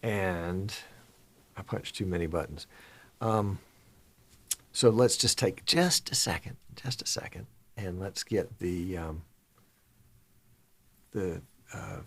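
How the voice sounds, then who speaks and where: A middle-aged man hosting a live stream in casual chat, rambling and muttering to himself as he works his software in a small broadcast studio. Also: low voice, slightly rough. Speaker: live-stream show host.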